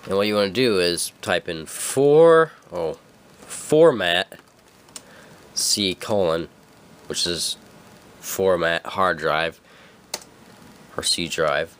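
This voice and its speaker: A young man with a stuffy cold speaks slowly with long pauses in a low, clear, resonant voice. He's casually narrating a screen-recorded computer tutorial at his desk in a dim room, rambling, correcting himself, and leaning heavily on fillers.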